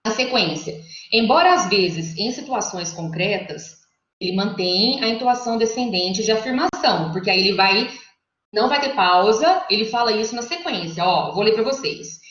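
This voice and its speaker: A woman's voice: medium pitch, lively intonation, moderate pace, a bit bright. A woman giving an academic lecture over a video call, explaining step by step and often checking in with her listeners. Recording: echoey, muffled online call audio.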